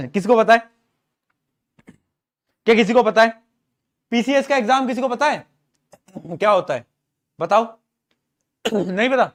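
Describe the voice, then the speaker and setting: Chatty man teaching a class. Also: sits high. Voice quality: clears throat often. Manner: asks students questions, uses story mnemonics. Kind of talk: online class lecture.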